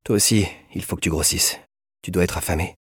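A man voicing a stern young soldier in a storybook reading, with a low, firm voice that turns soft and hushed. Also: steady tone, brisk, slightly rough, dry recording, clean studio sound. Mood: gentle, hushed. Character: stern young male soldier, harsh in public, tender in private.

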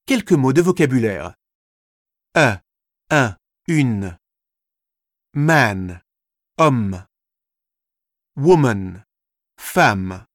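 Slow, precise male course narrator. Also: medium pitch, very animated, no room sound, clean studio sound. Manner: slow, deliberate, carefully articulated. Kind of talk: scripted instructional narration.

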